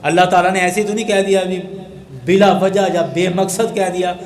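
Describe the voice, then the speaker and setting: A man delivering a sermon as an Islamic scholar, his voice pitched notably high. He drives his message home with rhetorical questions, and the sound carries a noticeable echo. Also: little pitch movement.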